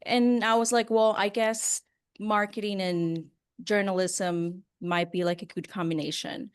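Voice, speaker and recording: Interviewed as a guest, a woman who works as a broadcast journalist shares personal stories in a casual, earnest way, stressing key words. Her mid-range voice is steady in tone, unhurried and clean.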